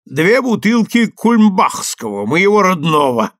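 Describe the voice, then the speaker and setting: A man voicing a fat, middle-aged German print-shop owner with a hoarse, joyful voice. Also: on the high side, very animated, unhurried, a bit bright, dry recording, studio quality, voice pushed up, exaggerated voice. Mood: jovial. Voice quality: hoarse, bubbling with joy.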